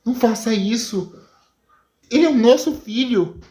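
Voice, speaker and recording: A woman voicing a worried husband who pleads quickly and urgently. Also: a little high, expressive, dark tone, roomy sound, pitched above the performer's own voice. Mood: pleading.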